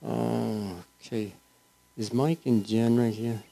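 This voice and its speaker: A man giving an informal, earnest testimony in church, halting and restarting often as he speaks. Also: mid-range voice, little pitch movement, creaky, dark tone, low-quality recording. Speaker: church member sharing.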